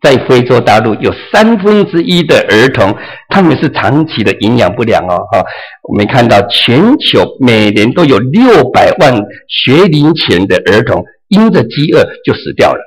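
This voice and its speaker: Lively, husky-voiced preaching man. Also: mid-range voice, moderate pace, poor audio. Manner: lively preaching, acts out a parable's dialogue. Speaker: pastor. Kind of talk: sermon.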